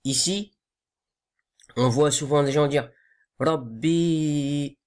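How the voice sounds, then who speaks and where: A man teaching correct pronunciation for recitation, patient and repetitive, modelling each sound again and again. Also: medium pitch. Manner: slow, patient, repeats sounds to correct them. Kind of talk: tajwid lesson.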